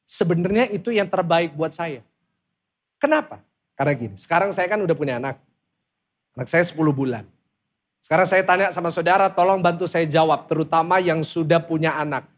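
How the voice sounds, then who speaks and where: A man in his thirties preaching a sermon loudly and with energy, often calling on the congregation to respond. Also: on the high side, fairly quick. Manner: loud, lively preaching with calls to the congregation. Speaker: pastor.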